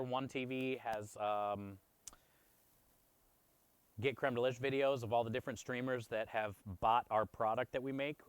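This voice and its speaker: A food truck chef and streamer chats warmly with his livestream audience, friendly and grateful in tone. His medium-pitched voice is smooth, with no room sound at all.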